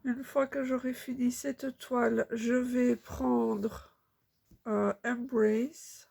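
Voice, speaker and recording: Lady vlogger rambling slowly with lots of ums, raspy gravelly voice. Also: a little high, level tone, darkish tone. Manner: chatty, unhurried, many fillers. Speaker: cross-stitch vlogger. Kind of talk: casual chat while stitching.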